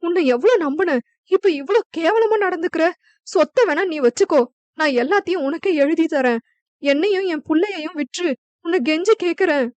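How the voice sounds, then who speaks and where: A woman's voice: normal speed, darkish tone, no echo. A woman voicing a terrified mother who pleads and cries for her young son. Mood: pleading. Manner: shrill, pleading, crying.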